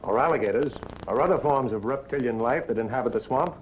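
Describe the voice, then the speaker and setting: An actor playing a touchy, formal police colonel in 1940s film acting, with clipped, proper speech. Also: male voice, medium pitch, fast talker, natural voice, low-quality recording. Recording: old film soundtrack with faint hiss.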